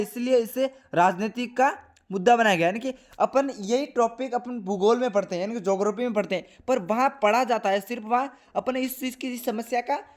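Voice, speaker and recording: A young man teaching a class lesson, repeating each point and asking and answering his own questions. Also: extremely high pitch.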